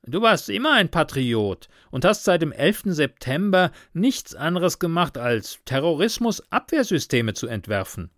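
A man voicing a brash young man who banters loudly with his friend. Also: a little high, big pitch swings, normal speed, hardly any pauses, no room sound, studio quality, voice pushed up. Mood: worried.

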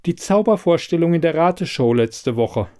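A man's voice: fairly high pitch, animated, normal speed, dark tone, voice pushed up, lightly acted. A man voicing a flustered woman scientist. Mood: insistent. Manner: hesitant, stammering. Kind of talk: audiobook character voice.

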